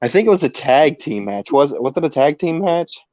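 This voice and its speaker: A man's voice: a little high, lively intonation, a little fast, a little mellow, no room sound. Young man telling stories, dull dry mic. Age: 20s. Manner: storytelling, laughs through anecdotes. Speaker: podcast host. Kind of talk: casual chat.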